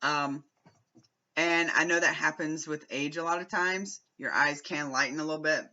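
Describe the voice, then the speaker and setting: A young man talks casually to his camera at home in a bright, sharp voice that sits a little high for a man. He rambles, restarts and clears his throat often. The audio is dull and lo-fi. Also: steady tone, normal speed. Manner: rambling, frequent fillers and self-corrections, throat clearing. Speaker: vlogger.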